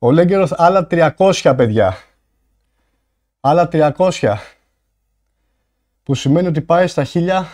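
Breathless streamer man, slightly high voice. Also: pauses often. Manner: thanks donors with loud bursts of excitement. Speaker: livestreamer. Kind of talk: casual livestream chat with viewers.

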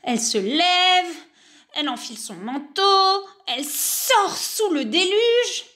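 A woman narrating a children's picture book in an unhurried way, adding sighs and little exclamations. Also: very high voice, animated, pushed and bright. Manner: unhurried, with sighs and spoken interjections. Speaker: storyteller.

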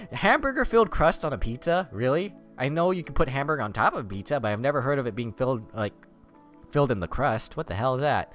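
Male let's-play host: reads game text, sarcastic asides, very animated delivery, faint music bed. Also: mid-range voice. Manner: sarcastic, swears and laughs at the story. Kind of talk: casual game commentary, reading game text aloud.

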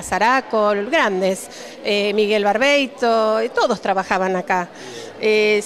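A middle-aged woman from Cipolletti with an Argentine accent, a ceramics teacher answering interview questions with many "eh" fillers into a handheld mic indoors. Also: a little high. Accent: Argentine Spanish. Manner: warm-hearted, many "eh" fillers. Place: indoor exhibition hall. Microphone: handheld reporter mic.

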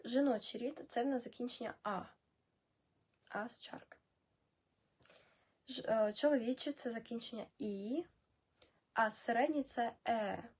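A young woman running a casual language lesson, explaining words slowly and dropping into soft asides. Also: a little high, breathy edge. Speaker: channel admin teaching Czech.

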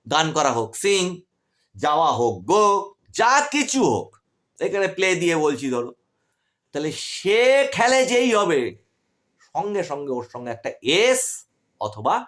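A man with a Bengali accent teaching English grammar in an online class, asking his students questions and answering them himself. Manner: lively, rises and drops sharply in pitch, asks questions then answers them.

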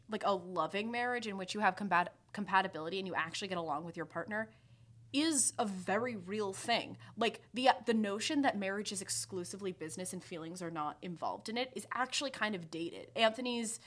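Female co-host, twenties, crisp bright tone, casual chatty recap style with emphatic slang, close-miked. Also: mid-range voice. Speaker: podcast co-host. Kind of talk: casual chat, TV show recap. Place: small indoor podcast set with bookshelves. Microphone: desk microphone on a stand, close.

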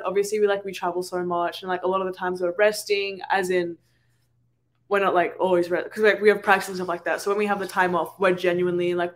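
Young aussie woman rambling on a podcast, lots of likes and restarts, casual. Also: medium pitch. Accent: Australian. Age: young adult. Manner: chatty, rambling with many fillers and restarts. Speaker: podcast co-host. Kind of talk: casual chat.

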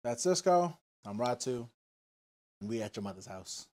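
A man's voice: mid-range voice, big pitch swings, moderate pace, mellow. A man co-hosting a podcast in casual chat, laid-back and hesitant, with many fillers. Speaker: podcast co-host.

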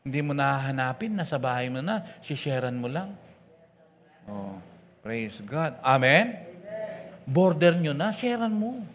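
A man preaching a sermon with a Pangasinan accent, mixing English into his talk, swinging between loud and soft and often calling out "Amen?" and "Praise God.". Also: medium pitch, big pitch swings, unhurried, pauses often, long reverb tail. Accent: Pangasinan Tagalog. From Pangasinan, Philippines. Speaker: pastor. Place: church.

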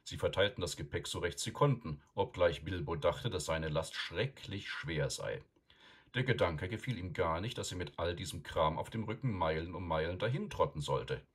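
A man narrating an audiobook in a calm, measured storytelling manner. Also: deep voice, slightly rough.

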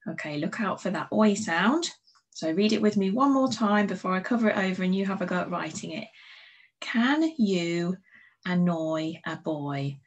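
An English woman, a primary school teacher, slowly sounding out letters and words in a recorded phonics lesson, giving patient, encouraging instructions to young children. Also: medium pitch, breathy edge, low-quality recording. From England.

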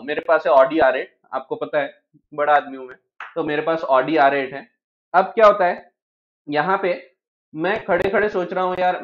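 A man gives an exam-prep law lecture with a fairly high voice. He reads English legal text slowly and then explains it in Hindi, asking the class questions and answering them himself. The recording sounds dull and lo-fi. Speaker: law teacher.

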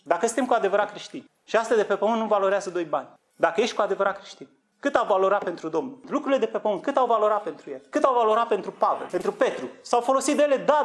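A man preaching a sermon, urgently exhorting his listeners with rhetorical questions and swinging from low earnest tones to high fervent outbursts. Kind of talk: sermon on end-times prophecy.

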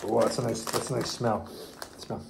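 A man's voice: mid-range voice, flat delivery, normal speed, gravelly, noisy background. A father casually reviewing snacks with his child, reading the package blurbs aloud and teasing playfully.

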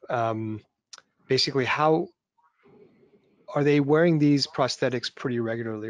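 A man moderating a surgical webinar over a video call, asking questions haltingly with many fillers and restarts. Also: mid-range voice, dry recording. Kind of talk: conversational Q&A.

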